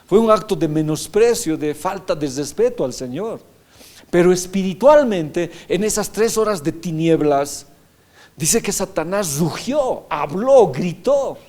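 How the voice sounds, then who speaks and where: A man's voice: sits high, animated, measured pace, a little mellow. A man preaching a sermon as pastor, reading scripture aloud and often asking the congregation rhetorical questions. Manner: reads scripture verses aloud.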